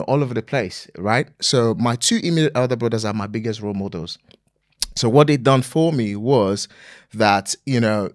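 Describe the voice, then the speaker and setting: A man, a podcast guest speaking earnestly and motivationally in a relaxed interview, often using fillers like "you know". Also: mid-range voice, dry recording, clean studio sound. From Nigeria. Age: 40s. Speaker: podcast guest, property investor.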